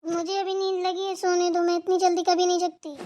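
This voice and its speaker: A woman's voice: very high-pitched, level tone, brisk, warm tone. A woman voicing a lazy, spoiled young daughter-in-law who talks in a whiny, defiant way.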